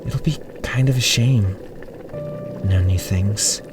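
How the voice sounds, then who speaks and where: A man voicing a vague, absent-minded older aunt who speaks slowly and distantly. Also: fairly low pitch. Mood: dreamy. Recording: distant mic with soft music.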